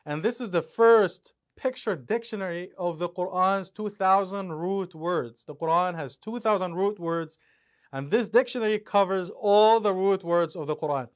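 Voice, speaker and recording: A man with a high voice, speaking at a moderate pace, is an author and imam explaining his Quran dictionary. He walks through how it was made step by step, giving examples as he goes.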